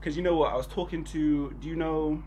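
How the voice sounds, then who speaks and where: Relaxed young Bristol man chatting. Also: on the high side, a little fast, poor audio. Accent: Bristol English. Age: 20s. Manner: relaxed slangy talk with lots of "bro" and "innit". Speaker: podcast host. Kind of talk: casual chat.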